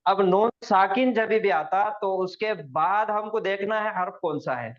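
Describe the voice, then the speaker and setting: A man teaching an online Quranic Arabic recitation lesson, going slowly, repeating words for students to echo back and quizzing them on the rules. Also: high-pitched. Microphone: video call. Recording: dull lo-fi online class audio.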